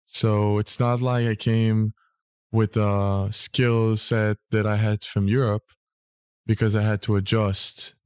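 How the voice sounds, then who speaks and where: A young man from Israel answers questions as an interview guest. His voice sits somewhat low and his speech is relaxed and filled with casual fillers. The sound is dry, close and without echo. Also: slow pace, clear, resonant tone. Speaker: guest athlete.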